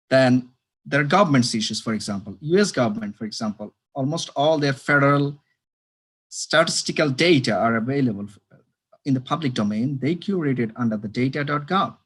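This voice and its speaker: A man from Bangladesh giving an online presentation as a librarian over a video call, halting with many fillers and restarts. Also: mid-range voice, breathy edge. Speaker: librarian giving a webinar talk.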